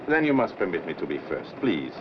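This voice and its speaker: An actor playing a courteous, formal European man in a 1940s film, polite and smooth-mannered. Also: low-pitched, big pitch swings, brisk. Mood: courteous, persuasive. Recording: muffled, noisy old film soundtrack.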